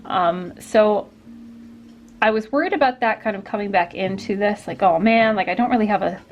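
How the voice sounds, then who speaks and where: A woman's voice: medium pitch, normal speed, muffled recording, a little hiss or hum. A woman artist hosting a casual studio vlog, talking while she paints, rambling with lots of fillers and restarts. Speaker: artist and vlogger. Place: home art studio.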